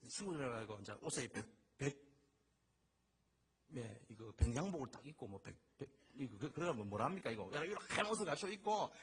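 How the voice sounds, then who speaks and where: A middle-aged pastor delivers a sermon at a fairly quick pace in a medium-pitched voice. He tells stories with liveliness and acts out the voices of the people he quotes.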